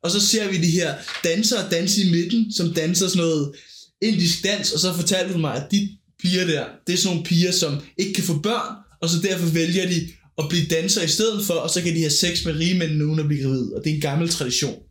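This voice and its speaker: Guy hosting a podcast, kinda high voice, rambles and hunts for words, echoey room. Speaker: podcast host. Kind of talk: casual chat, storytelling.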